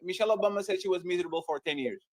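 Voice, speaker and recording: A man moderating a panel discussion, talking in animated, loud bursts. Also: sits high, rapid-fire, no room sound.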